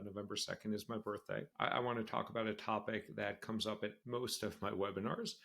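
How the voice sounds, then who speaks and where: A man in his forties hosts a solo career podcast on a screen-sharing video setup, talking candidly and conversationally and repeating phrases for emphasis. His voice is on the low side with vocal fry and a fairly bright tone.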